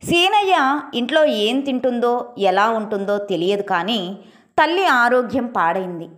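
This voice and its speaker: Woman narrating a story, higher voice. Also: expressive, unhurried, a bit bright. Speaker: storyteller, channel host.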